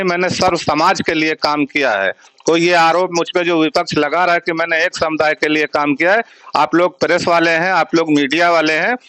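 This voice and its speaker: A man's voice: a little high, a bit bright, no room sound. A man representing a town council chairman, answering press questions insistently and listing roads and works in long runs. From Uttar Pradesh, India.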